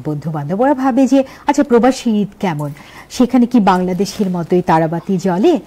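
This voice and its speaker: A woman with a Bangladeshi accent presenting a festive television talk show as host, in measured phrases and lists of questions. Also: on the low side, mellow.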